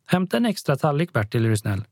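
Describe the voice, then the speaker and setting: A man's voice: on the high side, sing-song, no room sound, pitched above the performer's own voice. A man doing a chatty welcoming mom. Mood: friendly. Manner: warm, chatty, hospitable. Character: friendly middle-aged mother, welcoming hostess.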